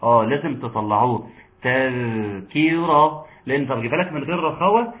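A man with an Egyptian accent teaching Quran recitation in an online lesson. He explains patiently and chants verses slowly. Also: medium pitch, animated. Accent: Egyptian Arabic. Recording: tinny phone-like line.

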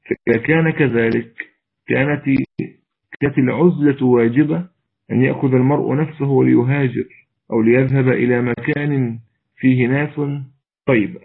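A man's voice: mid-range voice, fairly even intonation, normal speed, gravelly, breathy edge. A man with an Egyptian accent giving a religious lesson and answering questions, exhorting earnestly and straining to make his weak voice carry. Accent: Egyptian Arabic. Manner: mixes formal Arabic with colloquial, earnest and exhorting. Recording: tinny phone-like audio.

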